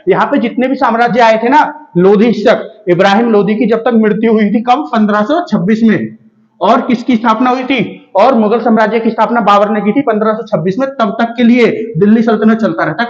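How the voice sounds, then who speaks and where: A man with a high voice teaches a casual history lesson for exam students. He keeps asking rhetorical questions and answering them himself, checking in often with his listeners. The recording sounds dull and lo-fi.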